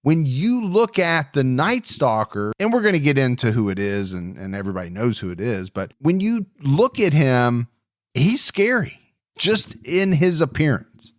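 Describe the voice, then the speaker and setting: A man's voice: medium pitch, animated, normal speed, no room sound, clean studio sound. A man co-hosting a true crime podcast, talking in a conversational, emphatic way and reading case narration. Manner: conversational, emphatic, restarts phrases. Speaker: podcast co-host.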